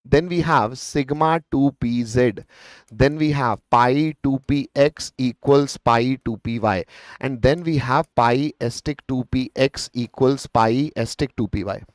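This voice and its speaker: Speaking at a measured pace with a medium-pitched voice, a male chemistry teacher with an Indian accent leads a live online revision session. He encourages and coaches, talks straight to his students, and mixes Hindi words into his English; there's no room sound.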